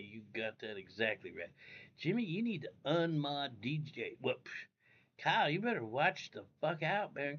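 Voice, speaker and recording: A man's voice: a little high, a bit bright, muffled recording. A man with no upper teeth and slack articulation, chatting casually and profanely as he rambles to his livestream. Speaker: livestream host.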